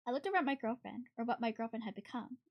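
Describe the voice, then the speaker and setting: A woman reading a horror story aloud like a horror host, dramatic and suspenseful, with pauses and the odd stumble. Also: on the high side, highs cut off. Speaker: streamer reading horror stories to a live chat.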